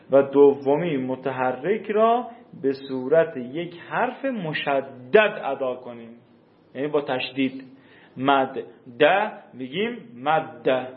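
A male teacher giving a classroom grammar lesson, explaining slowly and repeating rules, with questions for his students. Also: medium pitch, echoey room, phone-quality sound.

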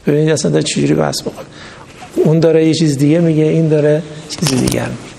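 Man, religious lecturer, fairly high gravelly voice, long hall reverb. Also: a little mellow, slight background noise. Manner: reads text then explains in colloquial speech with stories. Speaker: religious teacher.

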